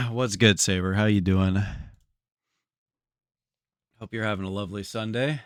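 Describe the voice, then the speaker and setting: A man chats casually with his viewers during a live stream while gaming, laid-back and slangy, swearing freely, and sounding a bit congested. His voice is lowish and measured in pace. The recording is dry and studio quality.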